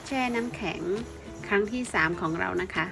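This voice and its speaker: A woman from Thailand speaks in a medium-pitched voice with music behind her. She explains things informally in a polite vlog style, now and then repeating a word. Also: fairly quick, vocal fry. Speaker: vlogger.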